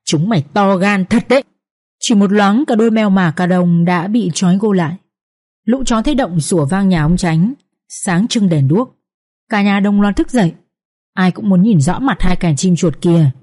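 A young woman narrating a Vietnamese family drama with lively, colloquial storytelling. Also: mid-range voice, moderate pace. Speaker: audiobook narrator.

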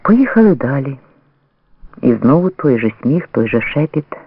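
A man reading a story aloud as a measured, expressive first-person narrator. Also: medium pitch, slight background noise. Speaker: audiobook reader. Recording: dry, narrow phone-like lo-fi sound.

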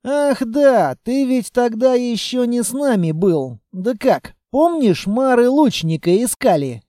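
A man voicing a wiry, bossy male scavenger who talks gruffly in rough slang, read for an audiobook. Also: very high-pitched, very animated, slow, dark tone, no room sound, studio quality, voice pushed up, exaggerated voice. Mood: mocking. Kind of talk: audiobook character voice.

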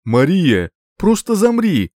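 A man's voice: mid-range voice, sing-song, moderate pace, darkish tone, no echo, studio quality. A man reading an audiobook, voicing a teasing, protective young man who ribs the heroine.

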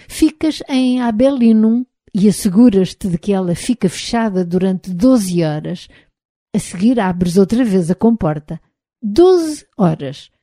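Give this young Roman engineer a brisk, impatient voice that gives orders in quick bursts, as a woman with a European Portuguese accent reads him in a storybook telling. The tone stays dark and mellow, pitched a touch above her narration. The sound is close and dry. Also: no room sound.

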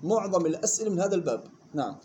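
Brisk man teaching recitation rules. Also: high-pitched, sing-song, warm tone, a little hiss or hum. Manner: reads rule text slowly, then explains in quick colloquial talk; drills syllables slowly and questions students. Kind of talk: classroom lesson explaining a text.

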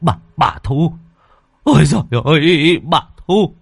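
A man's voice: a little high, animated, slow pace, gravelly, husky, no room sound, clean studio sound, pitched above the performer's own voice, full character voice. A man voicing a terrified old male village sorcerer who wails in panic. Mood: panicked. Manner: panicked wailing cries.

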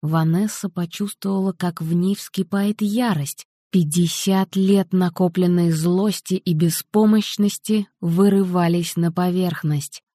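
A woman narrating an audiobook in an even, measured way. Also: lowish voice, no room sound, clean studio sound.

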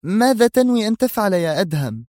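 A frightened young woman officer, her questions tight with worry, as a male narrator puts her on. The voice sits high and pleading. The recording is dry and close. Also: normal speed, a little mellow, dry recording, lightly acted. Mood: worried.

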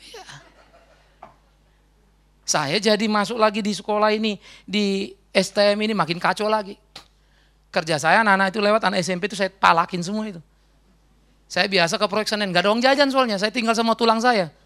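Male pastor, sermon, high voice, bright edgy tone, lively storytelling. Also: a little fast, pauses often. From North Sumatra. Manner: lively storytelling, mimics voices, laughs often. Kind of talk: sermon with personal testimony.

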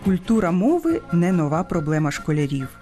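A woman's voice: fairly low pitch, brisk, soft background music. A woman with a Ukrainian accent hosting a scripted radio talk on language, teaching in a didactic way and stressing her examples. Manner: didactic, lively intonation with emphatic examples. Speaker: radio host.

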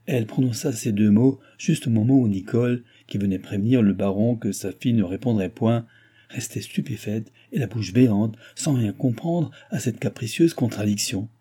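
A man reading a classic novel aloud as an audiobook narrator, measured and expressive. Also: fairly low pitch, breathy edge. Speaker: audiobook reader.

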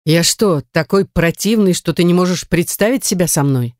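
A reader doing a brash, forceful young man. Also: normal speed, dry recording, studio quality, natural voice. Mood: heated. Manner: lower, blunt and insistent. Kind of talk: audiobook character voice.

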